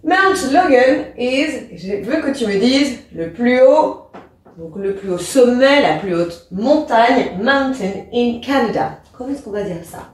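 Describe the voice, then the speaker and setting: A woman with a French accent teaches grammar slowly and patiently, walking through each point step by step. Her voice sits a little high. It is recorded from some distance in a very echoey room. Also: expressive, a little mellow. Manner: clear, patient step-by-step explaining. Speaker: English teacher. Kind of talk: explaining a grammar lesson.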